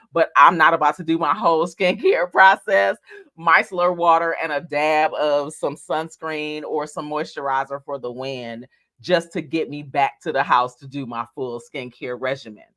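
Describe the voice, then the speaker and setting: A man's voice: fairly high pitch, pushed and bright, dry recording. A man co-hosting an online bingo night as a bingo caller, with casual, chatty product talk. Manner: bingo caller drawing out the numbers.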